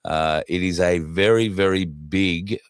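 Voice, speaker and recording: A man's voice: deep voice, unhurried, clean tone, dry recording, clean studio sound. A wheezy man with a chesty cough, chatting casually and ramblingly as host of a livestream. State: chesty cough, getting over flu. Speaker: show host.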